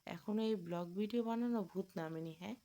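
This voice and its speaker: A woman's voice: mid-range voice, brisk, dark tone, lightly acted. A woman voicing a sarcastic young man in a read-aloud Bengali story, ribbing his younger brother. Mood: mocking.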